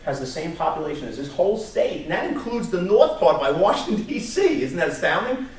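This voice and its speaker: His voice fairly high, a little fast, and creaky, a man from Long Island with a Brooklyn New York accent tells animated stories at an informal staff meeting, acting out quotes, asking rhetorical questions, and chuckling. He's a presenter who teaches job searching, recorded from a distance in an echoey meeting room with background noise.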